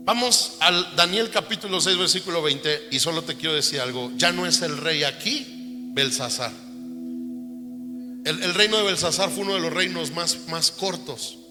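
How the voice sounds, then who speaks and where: A male pastor preaching a sermon, slowly reading scripture aloud and then explaining it in plain talk, rising to loud, emphatic passages. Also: on the high side, long reverb tail. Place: church sanctuary.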